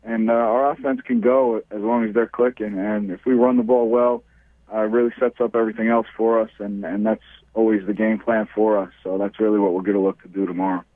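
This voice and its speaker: A football coach, a man, answering questions over the phone in a low-key, halting way with many fillers. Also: little pitch movement, no echo. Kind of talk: phone interview. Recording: tinny dry phone line.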